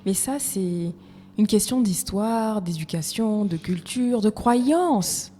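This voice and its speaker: A woman's voice: mid-range voice, expressive, slow, mellow. Woman, podcast guest, reflective, repeats herself while searching for words; roomy reverb. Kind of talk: conversational interview. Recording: reverberant room with faint noise.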